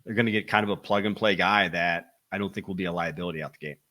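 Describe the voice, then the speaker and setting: A young man from Wisconsin with a Wisconsin accent, hosting a solo football podcast with energetic, rapid-fire commentary that stresses key words. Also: sits low. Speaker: football draft analyst podcast host.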